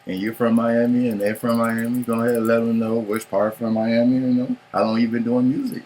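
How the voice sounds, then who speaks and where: A man hosting a casual interview show, bantering loosely in slang and giving shout-outs. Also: medium pitch, level tone, a little fast, slight background noise, poor audio. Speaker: podcast host.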